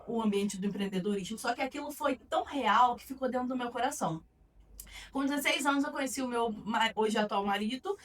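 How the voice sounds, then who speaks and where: A woman's voice: high-pitched, recorded from a distance. A woman with a Carioca accent, guesting on an interview podcast and telling her story earnestly, with a few fillers. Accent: Carioca Brazilian Portuguese. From Rio de Janeiro, Brazil. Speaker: guest, marketing consultant.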